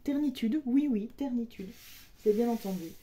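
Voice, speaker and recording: A young woman who vlogs about diamond painting chats casually through an unboxing, playful and talkative, joking around and laughing often. Her voice is fairly high and dark in tone, at normal speed.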